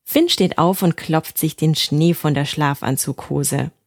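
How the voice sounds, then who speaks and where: A woman calmly and gently reading a children's bedtime story aloud. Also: low voice, a little slow, creaky, no echo, clean studio sound.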